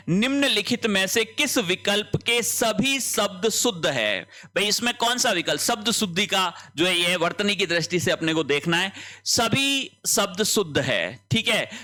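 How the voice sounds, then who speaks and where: High, bright-voiced exam tutor man. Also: lively intonation, a little slow. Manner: explains each option step by step, checking in with students. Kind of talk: exam answer-key lesson.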